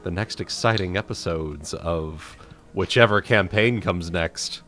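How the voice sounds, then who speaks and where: A man playing in a tabletop game, chatting casually in a lively, animated way. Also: sits low, unhurried, faint music behind. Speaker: player. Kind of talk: casual chat.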